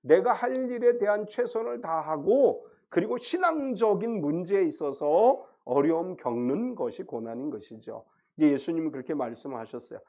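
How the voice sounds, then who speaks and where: High-voiced man preaching a sermon. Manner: acts out quoted voices of Peter and Jesus, swinging loud to soft. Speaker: pastor.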